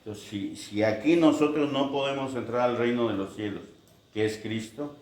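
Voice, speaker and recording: A man's voice: mid-range voice, normal speed, a little mellow. A man preaching a sermon, telling stories and acting out quoted voices. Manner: storytelling with acted-out quotes. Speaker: pastor. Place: church. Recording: echoey church hall.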